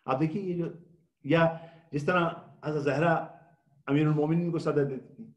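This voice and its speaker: Male religious lecturer with a fairly high voice; patient, explanatory, poses questions and answers them. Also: fairly even intonation, darkish tone, roomy sound. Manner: mixes English words into speech. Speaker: religious scholar giving a Ramadan talk.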